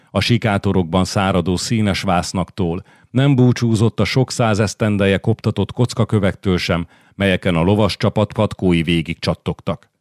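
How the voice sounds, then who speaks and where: A man with a very low voice reads a historical novel aloud in a measured, even storytelling manner. The sound is dry and close, with no room around it. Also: no echo. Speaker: audiobook narrator. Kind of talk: scripted audiobook narration.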